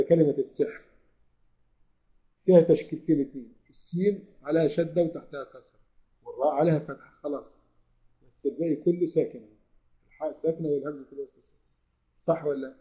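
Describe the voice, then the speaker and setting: A man with an Egyptian accent teaching tajweed to an online class, who puts questions to his students, answers them himself, and draws the recited verses out slowly. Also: fairly high pitch, warm tone, rough recording. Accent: Egyptian Arabic.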